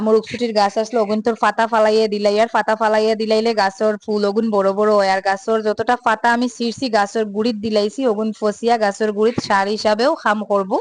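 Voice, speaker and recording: A young woman with a Sylheti accent, chatting casually through her home vlog and filling pauses with little hesitation sounds. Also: mid-range voice. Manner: chatty, mixes Sylheti and standard Bengali, many filler sounds. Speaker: home vlogger.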